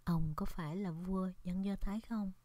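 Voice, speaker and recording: A woman's voice: medium pitch, fairly even intonation, normal speed, warm tone, no room sound, lightly acted. Woman reading as a stern Roman governor. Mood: questioning. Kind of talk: Scripture reading.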